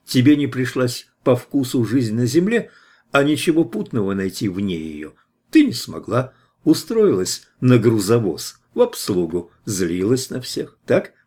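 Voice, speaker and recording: A man reading an audiobook voices a steady, tough hero who interrogates a captive in a firm, measured way. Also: mid-range voice.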